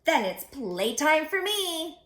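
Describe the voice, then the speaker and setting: Woman as an excitable, high-voiced little boy pig. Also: slow pace, full character voice. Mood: cheerful. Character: carefree, playful young male pig, easily frightened. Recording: echoey room.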